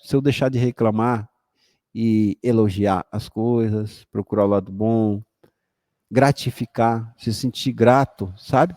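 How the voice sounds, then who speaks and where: A Brazilian man speaks in an easygoing motivational talk, his medium-pitched voice close and dry with no room around it. He keeps turning to his listeners with quick check-in questions and lifts his pitch sharply when he stresses a point. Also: no room sound. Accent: Brazilian Portuguese. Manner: conversational, frequent "sabe?" and "né?" asides; animated, emphatic rises in pitch.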